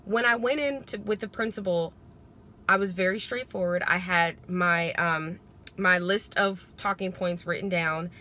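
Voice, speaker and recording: A woman's voice: lowish voice, unhurried, pushed and bright. A woman talking casually to viewers in a parenting vlog, explaining her advice in a conversational, emphatic way. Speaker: parenting vlogger.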